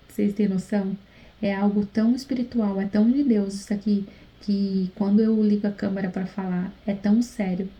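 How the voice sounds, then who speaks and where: Dark-voiced woman vlogging. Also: medium pitch, muffled recording. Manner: earnest and chatty, often addressing viewers directly. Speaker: YouTuber sharing a faith testimony. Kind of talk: casual testimonial vlog. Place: at home late at night, husband in the next room.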